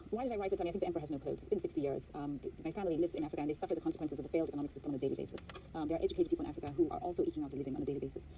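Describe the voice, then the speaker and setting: Young Zambian-born economist guest, quick measured delivery full of fillers, dark low voice, distant mic with faint hiss. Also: female voice. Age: young adult. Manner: articulate, measured, frequent um and uh. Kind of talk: interview answers.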